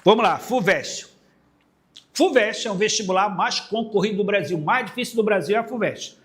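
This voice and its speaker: A man's voice: high voice, normal speed, fairly bright tone. A middle-aged man from Brazil teaching literature in an exam-prep video lesson. He talks casually to the students, asks questions and answers them himself. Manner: explanatory, asks and answers his own questions; casual classroom tone, addresses students directly.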